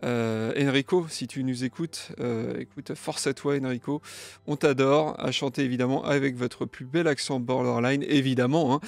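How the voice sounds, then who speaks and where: A man's voice: medium pitch, moderate pace, vocal fry. A young man hosting a music gear news show, chatting casually and jokily reading out viewer comments. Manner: lively, jokey, playfully sings comments.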